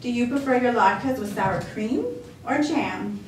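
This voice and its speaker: Using her own natural voice, on the high side and a little slow, a woman portrays a cheerful, kindly old grandmother who teases lovingly. The mic sits at a distance in an echoey room, picking up faint noise.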